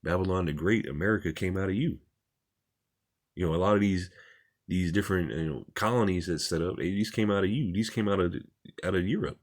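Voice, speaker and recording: A man's voice: sits low, fairly quick. A man reading articles aloud and commenting on them in an informal, repetitive, plain-spoken way, as a religious commentator.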